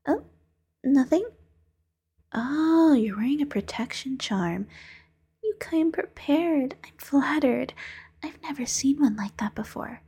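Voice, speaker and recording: A woman voicing a playful, teasing female demon who hypnotizes, in a soft-spoken, coaxing, whispery ASMR roleplay manner. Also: high voice, animated, slow, long pauses, full character voice. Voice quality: whispery, breathy.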